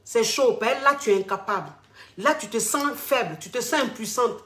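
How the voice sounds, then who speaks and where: A woman's voice: a little high, lively intonation, moderate pace, fairly bright tone. A woman hosting a vlog, giving casual, familiar relationship advice and repeating herself as she speaks to her listeners as darling. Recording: roomy echo.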